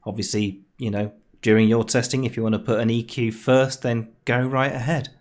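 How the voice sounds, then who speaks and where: A man with a mid-range voice narrates an informal screencast tutorial at a normal speed and in a level tone. As the tutorial host, he explains things conversationally with wry understatement, recording his voice-over near a computer in a room at home.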